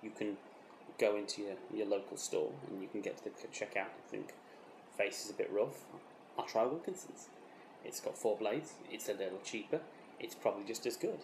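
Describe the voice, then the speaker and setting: A British man playing a self-important, defensive razor developer in a mock documentary interview, halting and repeating himself with earnest, deadpan false modesty. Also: fairly low pitch, close to an everyday voice. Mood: defensive, insistent. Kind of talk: mock documentary interview, improvised-sounding monologue. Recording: roomy echo with faint background noise.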